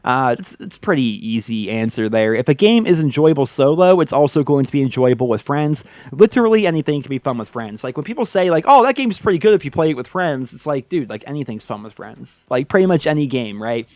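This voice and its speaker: Stuffy-nosed from a head cold, this male gaming YouTuber fields viewer questions in a laid-back chat, full of blunt opinions and constant "like" and "man." His medium-pitched voice is very animated, slightly fast and a bit mellow. The recording is dry.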